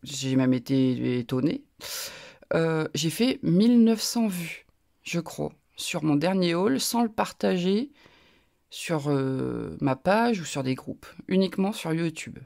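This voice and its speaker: Low-pitched, warm, and creaky, her voice is animated yet slow. In a haul video, this crafting YouTuber with a northern French accent chats about her crafting buys, wandering off into frequent asides.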